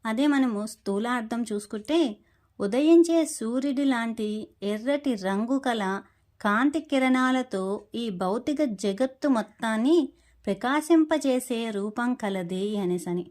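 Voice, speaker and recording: Female devotional teacher. Calm, methodical explanations of chant pronunciation, with slow syllable-by-syllable demonstrations. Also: fairly high pitch. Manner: patient, spells out syllables slowly when demonstrating.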